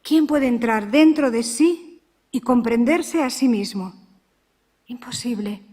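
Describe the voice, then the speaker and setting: Earnest high-voiced religious sister. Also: female voice, darkish tone. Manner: measured, earnest, with rhetorical questions. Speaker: religious sister giving a talk. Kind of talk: reflective spiritual talk.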